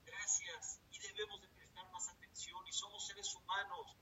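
A man with a Mexican accent, a rabbi giving a sermon in a lively storytelling way with jokes. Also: moderate pace. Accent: Mexican Spanish. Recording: distant dull recording with rumble.

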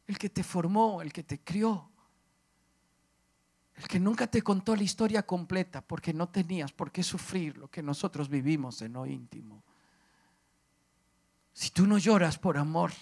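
Impassioned high-voiced male preacher. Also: creaky, slightly rough. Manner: impassioned, swinging from loud declarations to hushed emotional speech. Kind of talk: sermon.

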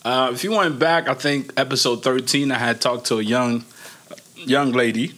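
A man's voice: medium pitch, steady tone, normal speed, bright, forceful tone. A man from Niger hosting a podcast in an informal, slangy way, chatting with rambling asides. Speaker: podcast host. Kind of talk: casual chat.

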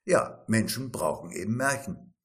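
A man's voice: fairly low pitch, expressive, measured pace, a bit bright. A man reading the lines of a slick male communications chief, glib and self-assured.

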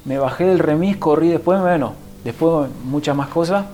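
A man's voice: a little high, moderate pace, mellow, slight background noise, rough recording. A man with a Rioplatense Spanish accent gives an emotional personal conversion testimony as a guest. He tells the story vividly and acts out what others said to him.

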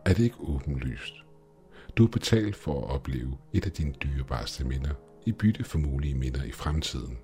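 A man's voice: rumbling low, expressive, mellow, soft background music. A man voicing a mocking, goat-legged male demon shopkeeper in a horror story. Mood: gloating. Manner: smug, taunting, hissing.

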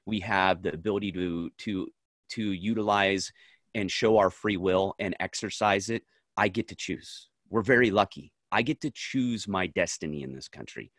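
A man's voice: deep voice, moderate pace, a bit bright, no echo, clean studio sound. A man co-hosting a podcast, speaking earnestly and emphatically in short, firm statements during a casual conversation. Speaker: podcast co-host.

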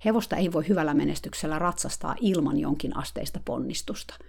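A woman reads her diary entry aloud, telling it in a dry, wry way. Her voice sits low. It has a gravelly creak to it. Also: darkish tone. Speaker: blogger narrating a diary. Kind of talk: read diary narration.

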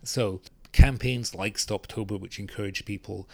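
A man, a public health expert, answering interview questions in a measured way with many fillers. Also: lowish voice, steady tone, creaky, warm tone.

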